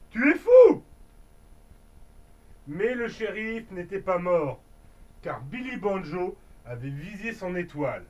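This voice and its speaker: A man's voice: high-pitched, far from the mic. A father reading a children's storybook aloud at home, playful, adding sound effects and dramatic asides.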